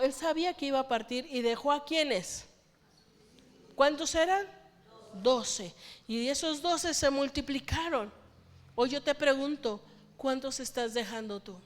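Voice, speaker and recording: Woman pastor preaching in a reverberant church. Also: high voice. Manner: preaching with rhetorical questions to the congregation. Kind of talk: sermon. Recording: long church hall reverb.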